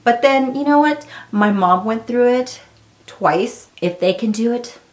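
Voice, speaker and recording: A woman's voice: fairly high pitch, lively intonation, measured pace. A woman in her thirties giving a candid, chatty pregnancy update to her viewers. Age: 30s. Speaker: vlogger. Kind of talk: casual pregnancy update vlog.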